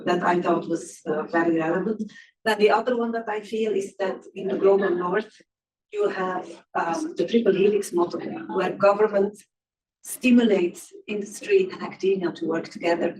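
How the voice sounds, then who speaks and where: Woman from Belgium, floor comment at a conference, lowish voice, distant roomy mic. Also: fairly even intonation, moderate pace, darkish tone. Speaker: audience member. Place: conference room. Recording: roomy hall audio from a distance.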